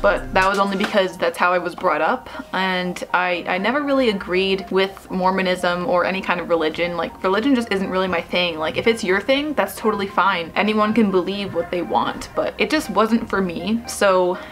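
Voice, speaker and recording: A woman's voice: medium pitch, moderate pace, few pauses, fairly bright tone, soft background music. A young woman vlogger chatting casually to viewers in a loose, slangy, self-deprecating way. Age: young adult.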